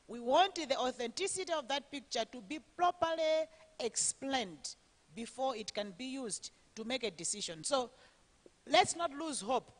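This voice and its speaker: A woman on a conference panel who firmly explains how courts treat evidence and witnesses. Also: high voice. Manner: firm and explanatory. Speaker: legal expert on a panel. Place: conference hall. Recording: long hall reverb.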